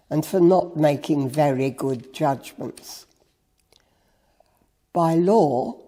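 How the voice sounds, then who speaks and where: Brief: slow, husky reader of a meditation with a long reverb. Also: medium pitch, mellow. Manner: slow, measured storytelling. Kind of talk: Good Friday meditation reading.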